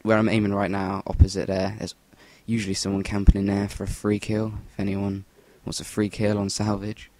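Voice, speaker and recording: Barely pausing, a young English man delivers brisk, monotone commentary in a lowish, slightly mellow voice, recorded without echo. He's a gameplay commentator rambling and swearing over a shooter, using a cheap Rock Band USB microphone.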